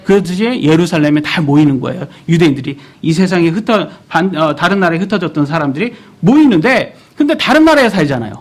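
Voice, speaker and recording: Man, thirties, church sermon, high voice, very animated pitch, questions the listeners. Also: fast, few pauses. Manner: animated, asks the congregation questions. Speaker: preacher.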